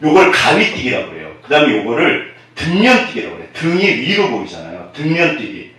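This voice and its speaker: A male pastor delivers a sermon, his voice climbing high and dropping low as he throws questions out to the congregation. He jumps from loud, emphatic bursts to hushed asides. The sound is roomy and distant, with a long church-hall echo. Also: a little fast. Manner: animated, call-and-response questions to the congregation; swings between loud emphatic bursts and near-whispered asides. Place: church sanctuary.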